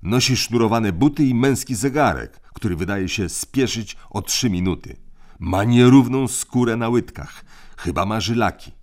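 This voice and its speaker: A man's voice: on the low side, moderate pace, darkish tone, voice pushed up, lightly acted. A man voicing a bossy, domineering boy who lectures his siblings in a stern tone. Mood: lecturing. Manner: stern, lecturing, hands out points.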